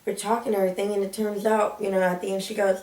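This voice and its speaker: A teenage girl telling an anecdote in an animated, chatty way. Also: medium pitch, very fast, distant mic. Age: teens. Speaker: interviewee. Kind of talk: casual storytelling. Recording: echoey room, from the mic.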